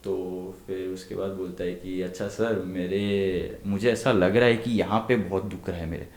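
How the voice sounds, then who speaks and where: A young man in his twenties, a medical intern appearing as a podcast guest, tells stories in casual conversation, acting out dialogue voices and laughing often. His deep, darkish voice has little pitch movement and a normal speed, recorded in an echoey room.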